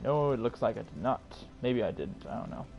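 A man hosting his own gaming channel, talking through a playthrough in casual commentary, muttering to himself and then yelling and cursing in frustration. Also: medium pitch, lively intonation, fairly quick, gravelly, lo-fi sound, soft background music. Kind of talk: casual let's play commentary.

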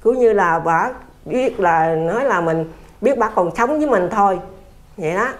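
A woman's voice: mid-range voice, expressive, normal speed. Older Southern Vietnamese woman telling a story. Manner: plain-spoken, repetitive, earnest. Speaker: interviewee. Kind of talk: casual conversational storytelling.

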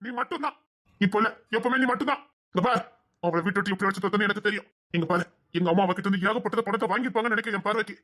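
A woman's voice: medium pitch, a bit bright, close to an everyday voice. A woman acting an obsessive young man who begs and threatens his beloved, in a web drama. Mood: pleading. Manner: pleading and possessive, fast.

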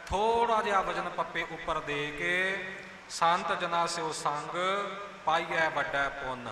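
A man's voice: high voice, pushed and bright, slight background noise. A man giving a patient, corrective pronunciation lesson and demonstrating words, recorded with hall reverb. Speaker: recitation teacher.

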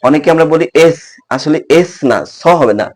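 A man's voice: on the high side, animated, a little fast. A man teaching the alphabet and its correct pronunciation, repeating each point and quizzing the viewer. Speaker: tutor. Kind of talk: classroom lesson.

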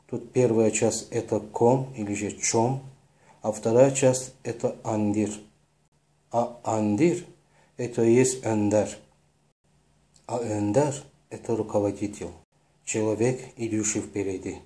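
Slow, low-voiced man explaining sounds. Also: fairly even intonation, dark tone. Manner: measured, deliberate, spelling out sounds one by one. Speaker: lecturer on word origins.

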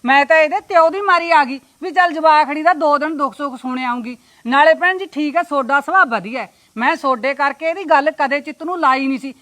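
A sharp-tongued visiting aunt, played by a woman, scolds and complains with constant indignation. Her voice is high and she has a Punjabi accent. The part belongs to a middle-aged woman in a village family drama. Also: fairly quick, few pauses. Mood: indignant.

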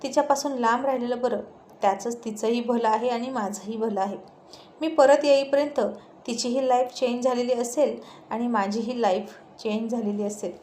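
A woman's voice: fairly high pitch, fairly even intonation, normal speed, warm tone, roomy sound, slight background noise, natural voice. A woman voicing a cheerful, teasing young man speaking to his parents. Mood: resolved. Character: cheerful young man, playful grown son.

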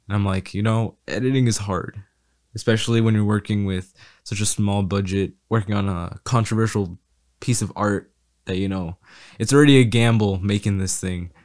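Low-voiced young man, hesitant podcast co-host. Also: normal speed, darkish tone. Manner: thoughtful, hesitant, with fillers. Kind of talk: casual film review chat.

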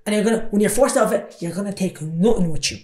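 A man's voice: high voice, racing, crowd noise. A man hosting a casual podcast, speaking emphatically, repeating himself and checking that he is understood. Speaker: podcast host. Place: small living room, seated at a table. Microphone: boom-arm podcast microphone.

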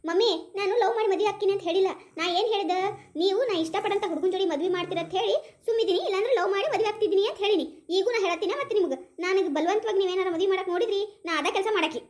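A woman's voice: very high-pitched, rapid-fire, a little mellow. A woman voicing a stubborn young woman who refuses an arranged match, in a North Karnataka Kannada accent. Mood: defiant. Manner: defiant, mocking. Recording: roomy echo.

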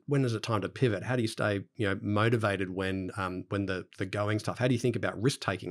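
Australian man, middle-aged, low pitch, interview host, casual fillers. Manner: chatty, with fillers and restarts. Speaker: podcast host. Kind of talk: conversational interview.

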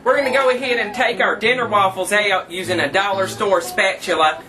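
This cooking show host is a man whose high-pitched voice runs fairly quick and sounds close to everyday speech. He's in character as a campy, frugal trailer park queen, cheerfully demonstrating home cooking in a folksy, tongue-in-cheek manner. Music plays behind him, recorded by a distant camera mic in a small kitchen.

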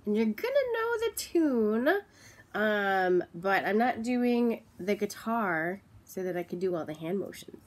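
A woman teaching children a song, talking to them gently and calling them friends. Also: mid-range voice, big pitch swings, measured pace.

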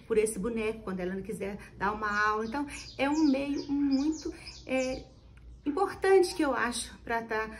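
A woman teacher giving tips to other teachers on video, explaining in an animated way and often restarting her phrases. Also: high voice, a little hiss or hum.

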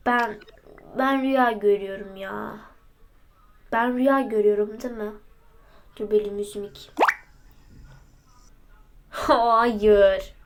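A woman's voice: medium pitch, steady tone, measured pace, pauses often, background noise. Woman voicing a playful toy role-play. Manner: switches between character voices in playful dialogue. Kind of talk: casual role-play voicing several characters.

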